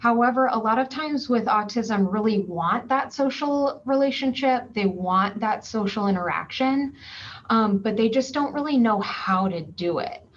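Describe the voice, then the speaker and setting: A woman's voice: a little high, measured pace. Woman explaining patiently on a dull call. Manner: clear, patient explaining with frequent ums and worked examples. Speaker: clinician presenting at a conference session. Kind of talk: explanatory conference talk. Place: home or office, remote virtual session. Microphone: computer mic on a video call. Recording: slightly dull virtual-conference audio with faint background noise.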